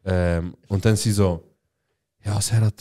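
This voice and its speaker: A man's voice: lowish voice, fairly even intonation, slow pace, dark tone. A young man, telling a story in casual, slangy chat and rambling along.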